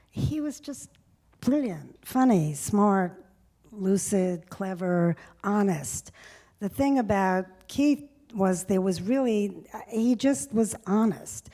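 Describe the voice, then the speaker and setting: A woman's voice: lowish voice, warm tone. A woman in her sixties, a music journalist on stage, chatty and reminiscing as she answers questions. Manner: chatty, reminiscing, laughs often. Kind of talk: onstage conversation. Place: stage before a live audience.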